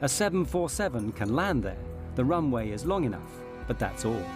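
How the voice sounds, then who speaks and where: A man's voice: medium pitch, sing-song. Male documentary narrator over music. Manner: measured, dramatic documentary delivery. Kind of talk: scripted narration.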